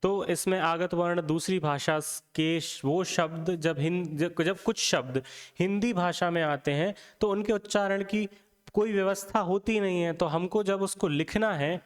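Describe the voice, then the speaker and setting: A man's voice: high voice, unhurried, smooth, big-room sound. A man teaching a Hindi grammar lesson, asking the class questions and answering them himself, often checking in with "theek hai".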